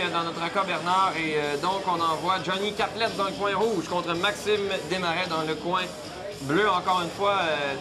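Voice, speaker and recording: A man with a Quebec French accent hosting and calling boxing as a live commentator. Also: high voice. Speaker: sports host and play-by-play commentator. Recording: clear crowd noise behind. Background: boxing crowd.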